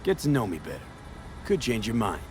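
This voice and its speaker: A man's voice: lowish voice, huge pitch swings, a little fast, noisy background. A man playing a wary, street-smart mercenary in a video game, terse and questioning.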